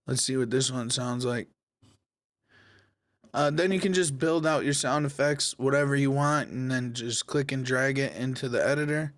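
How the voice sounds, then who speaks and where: A man hosting a casual software tutorial, talking viewers through each step in a relaxed, conversational way. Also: mid-range voice, clean tone, dry recording, clean studio sound. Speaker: tech tutorial host. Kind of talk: screen-recorded software tutorial.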